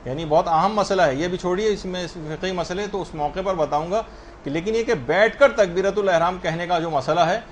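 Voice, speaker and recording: High-voiced man teaching prayer rules. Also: slight background noise. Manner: explanatory, asks and answers questions himself; spells out correct pronunciation slowly. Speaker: religious teacher. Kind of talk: religious lesson on prayer rulings.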